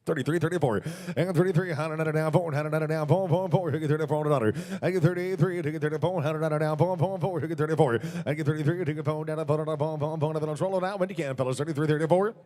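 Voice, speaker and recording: Man, auctioneer, very quick rhythmic chant, repeated numbers, slightly high voice. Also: a little mellow. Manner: repetitive, rhythmic patter of numbers. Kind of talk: rapid auctioneer chant, calling bids.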